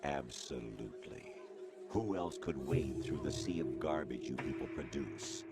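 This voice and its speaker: An actor playing a cold, domineering male AI overseer who lectures in a calm, condescending voice. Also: very deep voice, unhurried, over loud music. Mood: coldly lecturing. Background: loud game soundtrack.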